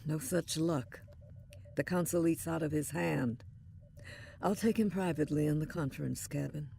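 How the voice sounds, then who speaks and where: Female starship captain, acted by a woman: authoritative, dry wit, gravelly edge, sci-fi radio play. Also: low-pitched, moderate pace, dark tone, slight background noise. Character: commanding, dryly witty female starship captain. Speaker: voice actor. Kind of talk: science fiction audio drama acting.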